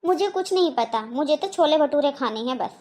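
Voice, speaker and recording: A woman's voice: high voice, animated, normal speed, a little mellow. Woman voicing a whiny demanding young woman. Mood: complaining. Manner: whiny, complaining. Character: petulant young married woman, demanding and sulky. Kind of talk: cartoon voice acting.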